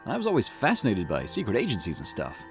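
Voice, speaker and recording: Chatty and teasing, the eager, cheeky junior police detective of a visual novel is voiced by a man who talks fast with huge pitch swings in a lowish register. Music runs behind this acted dialogue.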